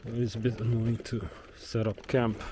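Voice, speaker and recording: A man's voice: lowish voice, flat delivery, moderate pace, background noise. A man casually vlogging his cycle tour, rambling with fillers and restarts, recording outdoors on a handheld camera. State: out of breath. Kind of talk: casual travel vlog narration. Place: outdoors in woods at night.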